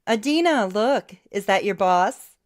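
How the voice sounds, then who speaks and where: A woman's voice: a little high, fairly even intonation, takes it slowly, warm tone, clean tone. A woman voicing a cheerful sing-song mother. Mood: bright. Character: caring mother with a doctorate, woman.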